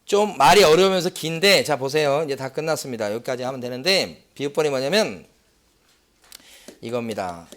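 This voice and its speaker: A man lecturing in a classroom on real estate brokerage law, quizzing students with questions and repeating key terms slowly. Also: mid-range voice, animated, a bit bright. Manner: tells anecdotes with acted-out quotes. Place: lecture room.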